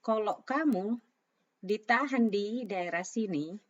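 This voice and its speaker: A woman presents casual trading commentary in a hoarse, rasping voice at a middling pitch. She talks informally, dropping English phrases into her explanations. The recording sounds dull and lo-fi. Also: takes it slowly. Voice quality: hoarse, raspy voice. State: hoarse from a sore throat and cough. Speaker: trader presenting market analysis. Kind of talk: casual spoken chart commentary.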